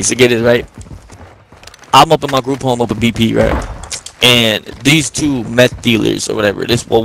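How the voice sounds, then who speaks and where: A man's voice: mid-range voice, creaky, fairly bright tone, a little hiss or hum. A man in his twenties chatting casually while gaming, telling long rambling stories in heavy slang. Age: 20s. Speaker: gamer. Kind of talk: casual chat while playing. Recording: game sounds and gunfire behind the mic. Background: gunfire from the game.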